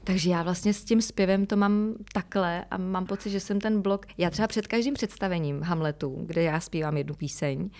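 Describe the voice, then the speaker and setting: Žena, herečka z Česka, mluví v podcastovém rozhovoru uvolněně a upovídaně, často zaváhá a zasměje se. Hlas má o něco nižší než obvykle. Nahrávka pochází z klubu. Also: female voice, lowish voice, hardly any pauses, darkish tone. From Czech Republic. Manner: chatty, hesitant fillers, laughs often. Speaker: actress, podcast guest. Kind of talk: casual interview chat. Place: Prague music club.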